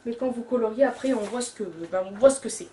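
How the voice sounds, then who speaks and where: A woman's voice: fairly high pitch, fast, mellow. Chatty young woman gushing in an echoey room. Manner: chatty and gushing, repeats "j'adore", many fillers. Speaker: YouTuber. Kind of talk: casual haul vlog. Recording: echoey room with faint background hum.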